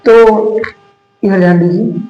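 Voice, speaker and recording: Male math teacher, very high voice, quizzing the class and answering himself, echoey classroom. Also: fairly even intonation, dull audio, soft background music. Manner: asks questions then answers them, drawn-out key words. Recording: echoey room.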